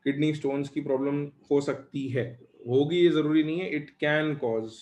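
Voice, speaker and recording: A male chemistry teacher giving a live lecture, dictating questions slowly and chatting with his students. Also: fairly high pitch, darkish tone, roomy sound.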